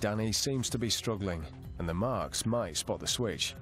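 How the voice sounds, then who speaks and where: Casting: man for dramatic TV voice-over, lowish register, music underneath. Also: lively intonation, normal speed, a bit bright. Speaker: narrator. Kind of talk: scripted TV narration.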